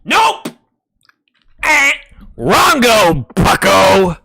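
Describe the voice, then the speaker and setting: A man commentating on video clips, mockingly shouting so loudly that his mic clips and distorts. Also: sits high, very animated, very slow, vocal fry, slightly rough, no echo. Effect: clipping, distorted mic from shouting. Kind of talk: political reaction commentary.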